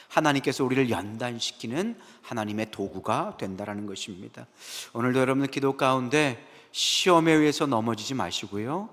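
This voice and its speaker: Preaching pastor in an echoey church. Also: male voice, mid-range voice. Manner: rhetorical questions, frequent "예" affirmations, lively asides to the congregation. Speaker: senior pastor. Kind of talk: sermon. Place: church sanctuary, Friday prayer service.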